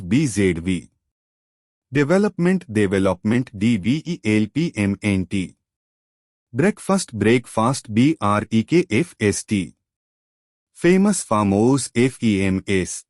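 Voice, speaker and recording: Male tutor, slow and deliberate, voice rises and falls a lot, dry close recording. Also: lowish voice, dry recording. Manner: reads word examples aloud slowly, spelling out sounds letter by letter. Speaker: English teacher. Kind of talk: recorded lesson on pronunciation.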